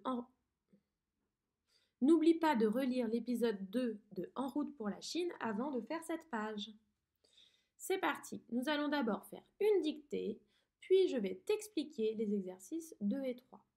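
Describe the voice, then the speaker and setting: A woman teaching a dictation lesson to a young pupil, pronouncing each word slowly and clearly. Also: a little high, animated, warm tone. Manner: slow, clearly articulated teacher talk to a child. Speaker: primary school teacher.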